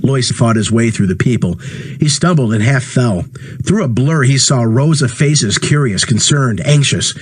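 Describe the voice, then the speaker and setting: A man with a husky voice reading a story aloud, voicing the dialogue by lifting his pitch. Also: expressive, normal speed. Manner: acts dialogue with rising pitch. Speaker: narrator. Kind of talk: audiobook reading.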